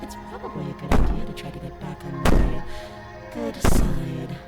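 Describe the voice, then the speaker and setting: An actress playing a vengeful, nightmarish captive princess in a game, taunting and threatening with deliberate menace. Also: female voice, lightly acted. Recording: loud music and banging effects behind.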